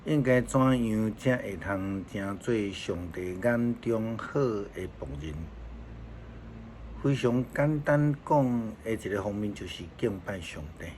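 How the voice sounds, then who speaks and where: A male pastor with a Taiwanese Hokkien accent, giving a daily devotional sermon in a calm, measured storytelling way. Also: fairly low pitch, a little hiss or hum.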